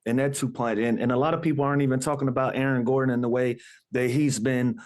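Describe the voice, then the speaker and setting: A man co-hosting a sports talk show, giving steady, analytical takes with a few restarts, on a video call from a hotel room. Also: medium pitch, quick pace. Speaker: co-host, basketball analyst.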